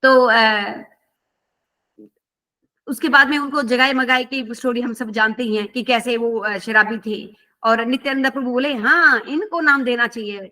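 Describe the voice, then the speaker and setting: A woman's voice: fairly high pitch, steady tone, a little slow, sharp tone. A woman teaching a scripture class, telling a story conversationally and asking her listeners questions.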